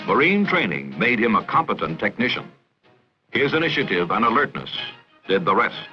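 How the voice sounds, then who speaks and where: An American man narrates a vintage military training film with lively, varied intonation. The script is read formally as 1960s narration. The soundtrack is muffled, with music behind him. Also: fairly low pitch, moderate pace.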